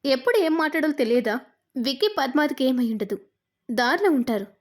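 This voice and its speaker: A woman's voice: sits high, expressive, brisk. A woman voicing an older man of the family who chides others, in a retold serial. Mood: chiding. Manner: chiding.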